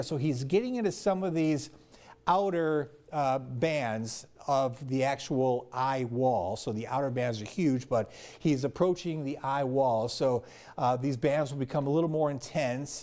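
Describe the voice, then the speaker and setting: A man's voice: mid-range voice, warm tone. A man presenting live weather commentary, explaining things step by step in an unscripted way.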